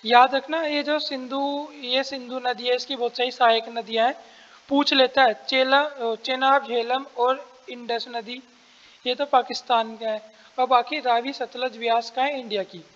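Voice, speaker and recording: A man teaching an exam-prep lesson, explaining step by step, asking and answering his own questions and clearing his throat often. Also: extremely high pitch, little pitch movement, unhurried, fairly bright tone, long reverb tail, dull audio.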